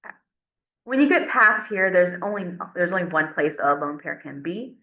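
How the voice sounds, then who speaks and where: A woman's voice: on the low side, animated, moderate pace. A woman teaching a chemistry class, explaining step by step in a casual classroom lecture and sometimes counting aloud at the board. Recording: roomy, dull lo-fi classroom recording.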